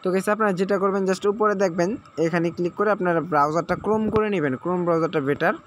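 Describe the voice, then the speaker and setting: A man's voice: high voice, fast talker, a little hiss or hum. A man walks viewers through an app sign-up step by step, checking in often and mixing English words into his speech. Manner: repetitive step-by-step instructions, frequent check-ins. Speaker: tutorial host. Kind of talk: screen-recorded app tutorial.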